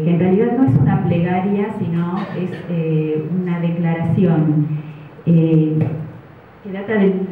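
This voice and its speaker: Argentine woman moderator, hesitant, lower voice, distant phone-like echoey hall recording. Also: slight background noise. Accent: Argentine Spanish. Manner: hesitant, many filler sounds. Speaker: event moderator. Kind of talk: hesitant public speaking. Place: community center hall.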